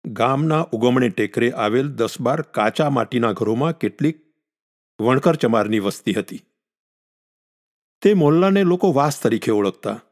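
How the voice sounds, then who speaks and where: A man calmly narrating a village short story in a measured reading voice. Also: mid-range voice.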